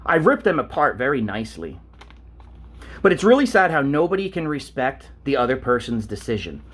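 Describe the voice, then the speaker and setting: A man's voice: mid-range voice, very animated, moderate pace, fairly bright tone. A man ranting on a vlog, blunt and profane, telling stories and asking rhetorical questions. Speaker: vlogger.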